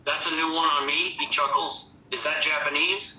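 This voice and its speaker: A man's voice: on the high side, flat delivery, normal speed, sharp tone, roomy sound, far from the mic, muffled recording. A man caller speaking through a voice changer, reading lines aloud as if narrating a book.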